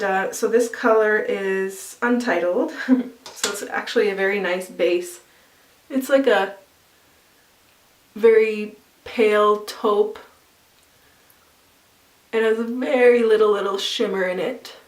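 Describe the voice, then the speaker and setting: A distant mic and reverberant sound capture a mid-range female voice. The makeup vlogger chats through her tutorial, talking about each step while she does it and sprinkling in casual fillers.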